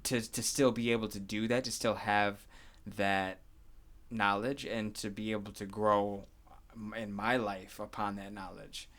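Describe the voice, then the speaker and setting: A man in his thirties hosts a casual podcast chat in a fairly low voice. He talks in a reflective, earnest way, filling his thoughts with "like" and "you know what I mean.". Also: level tone, a little slow, fairly bright tone. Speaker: podcast host.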